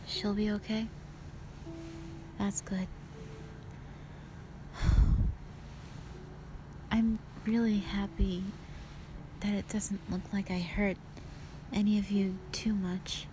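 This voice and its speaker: Extremely slow and pausing often, a woman with a mid-range voice and flat delivery plays a fragile young hospital patient in an audio roleplay. Her mood is subdued and remorseful as she hesitantly apologizes, sighing between short phrases, over a noisy background with piano music.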